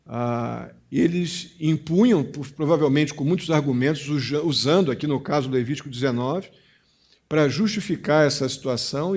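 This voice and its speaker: A man with a Brazilian Portuguese accent, a pastor preaching a sermon, stressing key phrases and then dropping to a quiet, confiding tone. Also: on the high side.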